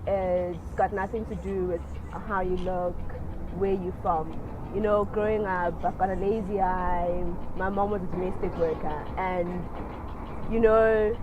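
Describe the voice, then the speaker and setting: A South African woman in her twenties from Johannesburg, speaking earnestly and in a measured way about her own story. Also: fairly low pitch, steady tone, background noise. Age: 20s. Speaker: interviewee sharing her story. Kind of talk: personal testimony to camera.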